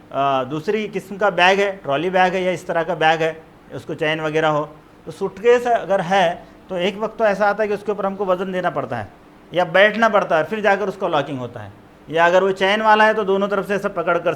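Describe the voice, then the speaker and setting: A man's voice: sits high, fairly bright tone, a little hiss or hum. A man with an Urdu accent from Maharashtra giving a biology lecture, explaining terms twice in Urdu and English. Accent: Urdu-speaking, Maharashtra. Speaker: biology teacher. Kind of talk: classroom lecture.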